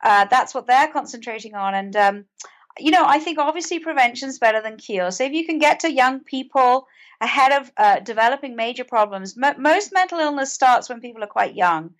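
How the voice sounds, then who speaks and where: Speaking a little fast with lively intonation and a voice that sits high, this UK author and mental health advocate appears as a podcast guest. Her British-accented talk is earnest and conversational, with frequent repeated words.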